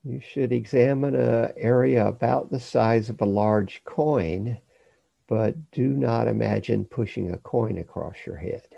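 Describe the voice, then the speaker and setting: Guiding a body scan meditation, a man gives calm, measured directions in brief phrases with pauses in between. His mid-range voice is creaky, and the audio is dull with no room sound.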